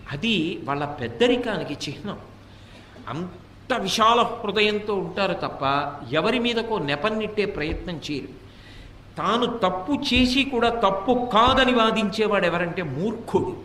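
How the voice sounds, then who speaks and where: A man's voice: high-pitched, a bit bright. Male spiritual teacher, religious discourse, rhetorical questions, roomy echo, faint background noise. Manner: rhetorical questions, acted quotes. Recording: echoey room, distant mic.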